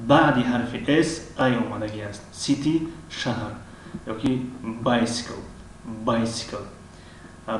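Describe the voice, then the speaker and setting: A man with a Tajik accent teaches in a measured, hesitant way, stretching his fillers and saying each example word more than once. His voice sits at an ordinary middle pitch. He is recorded from a distance in a very echoey room with a faint hiss behind him. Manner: hesitant, with many drawn-out fillers and frequent throat-clearing. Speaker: English teacher. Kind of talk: language lesson.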